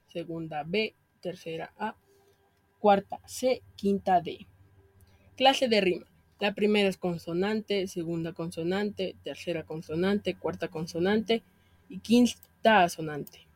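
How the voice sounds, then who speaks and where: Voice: medium pitch, a little slow. Methodical voice reciting a verse analysis. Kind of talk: reading a metric analysis of verse aloud.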